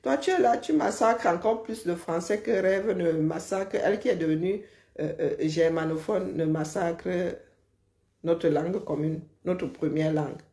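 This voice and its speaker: Woman, mocking lecturing rant, gravelly fry, roomy echo. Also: on the low side, unhurried, mellow. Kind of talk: casual live rant.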